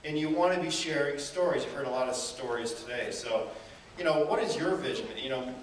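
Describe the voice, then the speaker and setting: A man giving a live seminar talk, telling stories and asking the audience rhetorical questions with lots of energy. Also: mid-range voice. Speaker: motivational speaker. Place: event hall. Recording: echoey room from far off, faint noise.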